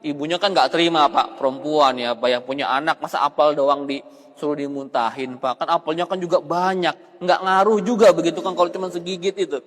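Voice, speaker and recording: High-voiced preacher in an echoing hall. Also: male voice, brisk. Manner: animated, keeps addressing listeners as "Pak". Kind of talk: sermon storytelling. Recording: long hall reverb.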